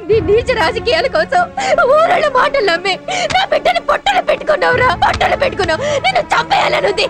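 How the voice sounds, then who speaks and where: A woman's voice: very high voice, very animated, loud music behind the voice. An actress playing a fierce middle-aged wife and mother who scolds her husband sharply and curses him. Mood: furious. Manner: sharp, cursing, rapid scolding. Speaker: film actress. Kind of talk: Telugu film comedy acting. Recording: film soundtrack with loud background score.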